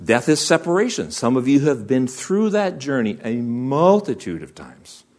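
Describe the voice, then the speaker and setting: A man's voice: mid-range voice, big pitch swings, normal speed, a little mellow. A man preaching a sermon as pastor, asking the congregation rhetorical questions.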